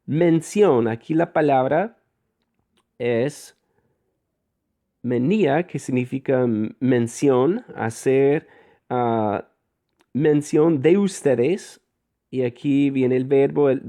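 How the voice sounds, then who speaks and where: A man teaching a guided reading lesson in Koine Greek, parsing each word slowly and deliberately, with frequent fillers and self-corrections. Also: medium pitch, mellow. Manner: slow, deliberate, parses words aloud.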